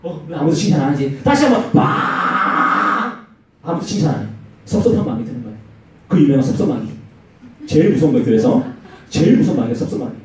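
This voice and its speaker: A man gives a lively youth sermon in a church hall, acting out the voices of the people in his stories. His voice is high and swings widely in pitch, with a mellow, dark tone. The mic sits far off in a very echoey room. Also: racing. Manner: animated storytelling with acted-out quotes and swinging pitch. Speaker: youth pastor.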